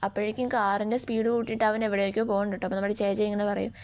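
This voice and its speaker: Young female channel host, casual fast recap voice, flat delivery. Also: medium pitch. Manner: chatty, fast retelling with frequent tag words. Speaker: YouTube story explainer. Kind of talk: casual story retelling.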